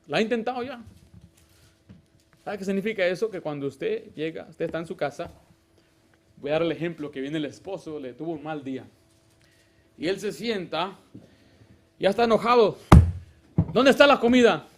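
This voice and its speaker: A man's voice: fairly high pitch, lively intonation, normal speed, long pauses. A male pastor preaching a Baptist sermon, asking the congregation rhetorical questions and acting out little dialogues. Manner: acts out short dialogues in a raised voice.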